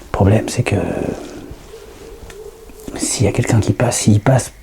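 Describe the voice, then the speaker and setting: Inside an empty old house at night, a paranormal investigator live-vlogs a ghost hunt, quietly calling to spirits while nursing a heavy cold and sniffling. He speaks in a lowish voice with fairly even intonation and a measured pace, hushed and hesitant, frequently trailing off and beginning again. Background noise is audible.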